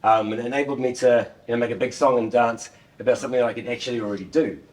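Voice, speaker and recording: Rapid-fire and mid-range with fairly even intonation, a middle-aged developer with a New Zealand accent gives an informal, self-deprecating tech talk, frequently repeating words. He's standing at a laptop beside a screen in an indoor meeting room. The sound comes through a far-off room microphone.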